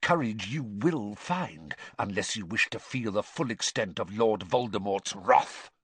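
A man voicing a cold, menacing, frail dark lord in an audiobook, with a breathy, hissing, soft delivery full of contempt. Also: on the low side, animated, measured pace, no room sound. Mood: cold menace. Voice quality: breathy, hissing near-whisper.

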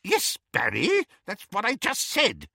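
Shrill nosy old aunt, testy and cheerful, very high, as a male reader puts her on. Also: wildly swooping pitch, unhurried, fairly bright tone, no room sound, clean studio sound, full character voice. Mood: gossipy. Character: shrill gossipy elderly witch aunt.

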